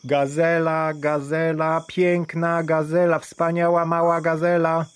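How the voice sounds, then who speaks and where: A man voicing a stubborn, plain-spoken peasant who sells a gazelle at the market and shouts his wares. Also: on the high side, animated, slow pace, dry recording, voice pushed up. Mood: hawking. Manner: loud hawking cries, plain-spoken. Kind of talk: audiobook fairy tale reading.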